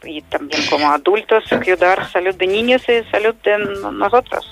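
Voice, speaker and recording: A woman with a Russian accent explains conversationally in halting, non-native Spanish, often dropping small words. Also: mid-range voice, music in the background. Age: adult mother. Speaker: health product entrepreneur, interview guest.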